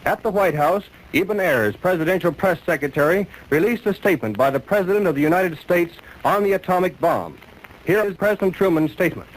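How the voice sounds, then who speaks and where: High-pitched 1940s male radio announcer. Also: animated, brisk, poor audio. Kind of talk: formal 1940s news announcement.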